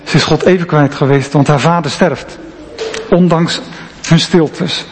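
A man's voice: fairly high pitch, unhurried. A man, a pastor, preaching an earnest, reflective sermon in a church. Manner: earnest, reflective, drops to near-whisper at times. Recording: long church reverb, faint ambient noise.

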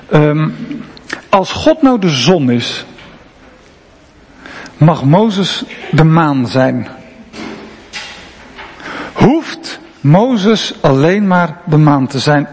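Male preacher, high voice, conversational and emphatic, long church-hall reverb. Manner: conversational, emphatic preaching with frequent rhetorical questions. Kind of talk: sermon.

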